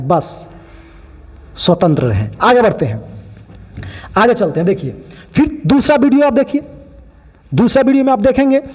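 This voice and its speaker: A man's voice: high-pitched, a little mellow, breathy edge, long reverb tail. A man teaching biology, pointing out other teachers' mistakes in a critical, explaining way. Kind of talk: online lesson commentary.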